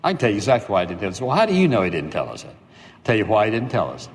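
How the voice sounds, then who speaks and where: A man's voice: fairly low pitch, very fast. Guy preaching a sermon, acts out little prayers, big echoey hall. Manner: animated preaching, acting out imagined prayers.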